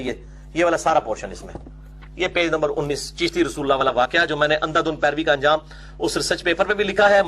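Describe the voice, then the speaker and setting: A man delivers a religious lecture in a fairly high voice. He argues forcefully and keeps throwing out questions that he answers himself. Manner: emphatic, argumentative, often asks and answers his own questions.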